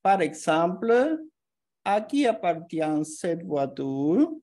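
Female language teacher, lowish mellow voice, very slow, careful delivery of scripted examples. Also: big pitch swings. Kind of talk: slow scripted grammar lesson.

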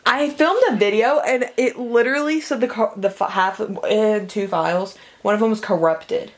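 A woman's voice: mid-range voice, moderate pace. A fifteen-year-old girl from Indiana with a Midwestern accent, hosting a casual cooking vlog in her home kitchen and rambling chattily with lots of fillers. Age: teen, 15. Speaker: vlogger host. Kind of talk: casual chat while cooking. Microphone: camera on the counter.

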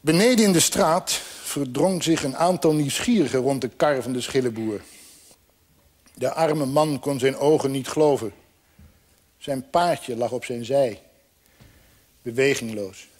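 A man reading a children's story aloud in a lively, expressive way. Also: mid-range voice, unhurried, pauses often.

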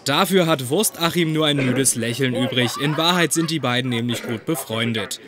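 A man's voice: mid-range voice, normal speed. Male reporter narrating over market bustle. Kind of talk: scripted narration of a light TV feature. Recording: busy market crowd behind voice-over.

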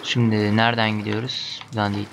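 A man with a Turkish accent commenting on a horror game as he plays, muttering to himself and breaking into panicked shouts when chased. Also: on the low side, little pitch movement, fast, gravelly, noisy background. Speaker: gamer.

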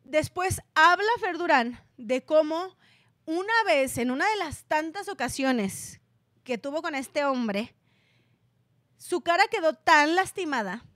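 A Mexican woman co-hosting a celebrity gossip chat, retelling a story in animated casual talk and acting out the quotes. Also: sits high, measured pace, no room sound, clean studio sound. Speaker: gossip show co-host.

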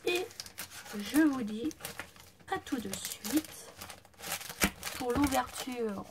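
Heavy background noise runs under this casual unboxing chat to camera, in which a craft vlogger shows off gifts she received. Her slightly high voice is animated but extremely slow, and it is giving out. She gushes and exclaims, sometimes dropping to a whisper.

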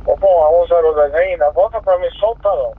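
A Brazilian man calls in as a patrol officer on police radio. His voice sits high for a man and is husky. It comes through a narrow, tinny two-way channel. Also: fairly quick. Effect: two-way radio transmission.

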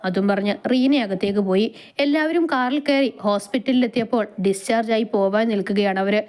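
A woman's voice: mid-range voice, a little fast, a little mellow. A woman with a Malayali accent narrating a romance story aloud, reading it dramatically and giving each character a voice.

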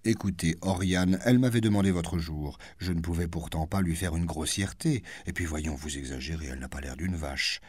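A man's voice: low-pitched, brisk, few pauses, darkish tone, no echo. A man reading an audiobook, voicing a pompous, self-satisfied aristocratic duke. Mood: plaintive. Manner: self-satisfied, mock-plaintive.

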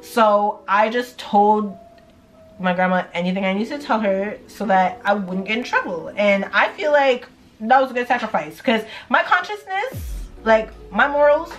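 A young woman spins a story-time tale into her camera at home, talking in a loose, candid way with plenty of "like" and "you know." Her pitch sits in an ordinary middle range. Soft music plays faintly underneath. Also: expressive, normal speed. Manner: chatty, filler-heavy, candid with swearing. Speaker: vlogger telling a story. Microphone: camera mic.

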